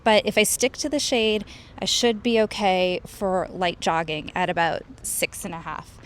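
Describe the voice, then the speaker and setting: A woman's voice: mid-range voice, steady tone, a little slow. A woman vlogger talking casually to camera as she narrates a recap of her run. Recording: noisy outdoors with traffic and ambience.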